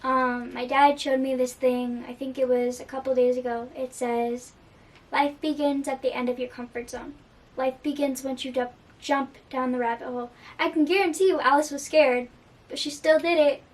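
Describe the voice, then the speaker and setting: A woman's voice: high-pitched, flat delivery, normal speed, recorded from a distance. A young woman talking earnestly about a song in a casual reaction video, with frequent fillers. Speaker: music reaction vlogger.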